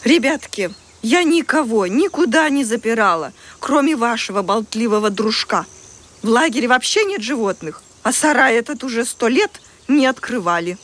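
A man's voice: very high voice, lively intonation, normal speed, a bit bright, pitched above the performer's own voice. A man reading a storybook and voicing a stern middle-aged woman camp nurse, scolding and mocking.

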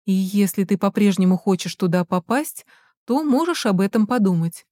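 Firm middle-aged mother, read by a woman, mellow and measured. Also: mid-range voice, lively intonation, dry recording, studio quality, natural voice. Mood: calm.

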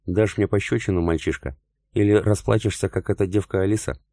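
A man's voice: deep voice, steady tone, a little fast, mellow, no echo, studio quality, pitched above the performer's own voice. A man reading an audiobook, voicing a mocking, arrogant male captive warlord who taunts his captor. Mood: sneering. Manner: taunting, sneering.

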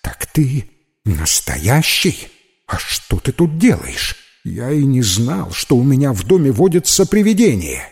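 Man doing a bossy, proud puppy in a storybook, lively, slightly raised voice. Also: medium pitch, unhurried, pitched above the performer's own voice. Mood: astonished. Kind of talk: audiobook character voice.

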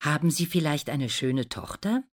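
A woman's voice: sits low, expressive, moderate pace. Woman doing an eager young prince.

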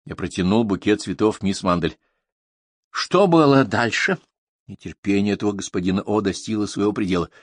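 A man's voice: deep voice, steady tone, fast talker, hardly any pauses, darkish tone, dry recording. Man narrating an audiobook, dry close sound.

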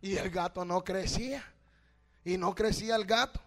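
A male preacher with a strikingly high voice delivers a fervent sermon. He swings from loud exhortation to hushed storytelling. He keeps calling the listeners brother and asking them questions. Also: moderate pace. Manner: addresses listeners as brother, asks rhetorical questions. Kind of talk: evangelical sermon.

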